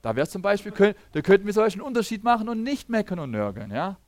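A man giving a teaching sermon, talking lively, often checking in with listeners and acting out the people he quotes, with frequent restarts. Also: high voice, fast talker. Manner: restarts sentences and acts out quoted speakers. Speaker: preacher.

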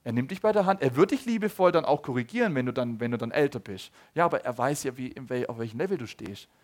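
A man in his thirties preaching a sermon, swinging between loud appeals and soft low asides, often asking the audience questions. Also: animated, quick pace. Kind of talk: sermon to a congregation.

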